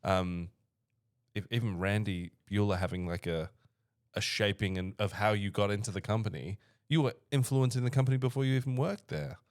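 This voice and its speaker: A man's voice: on the low side, fairly quick. Laid-back Australian man, co-host. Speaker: podcast co-host. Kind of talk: casual interview chat.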